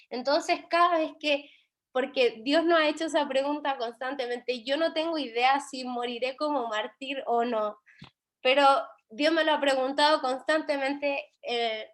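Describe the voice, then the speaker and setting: A young Chilean woman with a high voice teaches an online Bible class. She talks earnestly and with feeling, and her sentences often stall and restart as she searches for words. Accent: Chilean Spanish. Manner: earnest, emotional retelling with many restarts.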